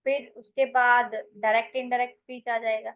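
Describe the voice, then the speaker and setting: A woman's voice: on the high side, flat delivery, brisk, lo-fi sound. A woman with an Indian English accent teaching English grammar in an online class, mixing Hindi and English and calling her students "beta".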